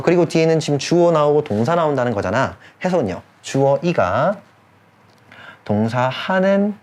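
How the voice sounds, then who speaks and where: A man's voice: medium pitch, a little mellow. A man teaching an English grammar lecture, stopping often to check that students follow and repeating key points. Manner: drawls key phrases slowly for emphasis. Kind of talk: online lecture.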